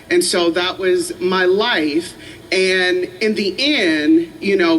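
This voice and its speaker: A woman from Michigan, a pastor, telling her story on a panel in a university chapel in a slow, joking manner. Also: fairly low pitch, far from the mic, a little hiss or hum, rough recording. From Michigan, USA.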